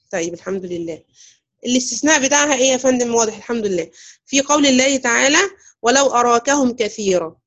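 A woman with an Egyptian Arabic accent teaches recitation rules at a brisk clip, her voice a little high. She keeps turning to her students with questions and waits for them to answer. The audio is dull and lo-fi. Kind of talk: online lesson on recitation rules.

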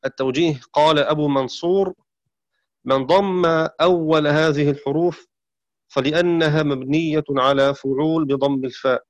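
A man's voice: on the high side, fairly even intonation, no echo. Man teaching Quranic readings, dry recording. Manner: explains methodically, chants verses slowly. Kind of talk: scholarly lesson on Quranic readings.

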